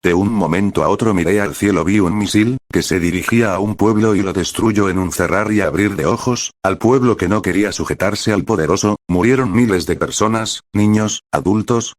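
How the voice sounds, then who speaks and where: A pastor from Peru reading aloud a prophetic vision in a slow, solemn, dramatic manner. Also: male voice, low voice, dry recording, clean studio sound.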